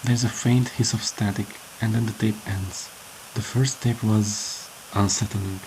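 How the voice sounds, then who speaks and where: A man reading a scripted horror story in the first person, with measured storytelling delivery. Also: on the low side, steady tone, background noise. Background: prominent music under the voice.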